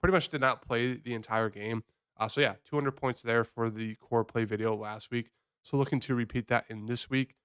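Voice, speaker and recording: Man, sick-sounding voice, smooth and clear tone, dry close sound, rambling casual picks talk. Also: mid-range voice, fairly even intonation, normal speed, a bit bright, no room sound. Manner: loose, rambling, conversational delivery. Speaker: fantasy sports host. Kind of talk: casual fantasy football picks breakdown.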